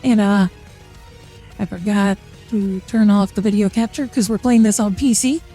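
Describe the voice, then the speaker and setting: Soft music plays behind a VTuber whose voice changer gives a feminine sound as they ramble casually, filler-heavy, during gameplay. The pitch is medium and steady, the pace moderate, the tone mellow.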